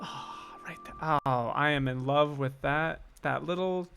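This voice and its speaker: Loud music plays behind this man's fairly high, creaky voice as he talks at a measured pace. A composer livestreaming about game music, he thinks aloud casually and chattily, breaking into hummed fragments of melody.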